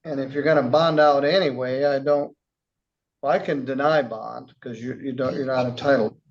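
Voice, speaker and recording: A man speaking as a judge to a defendant in court, calm but turning angry as he sternly scolds. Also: mid-range voice, moderate pace, highs cut off.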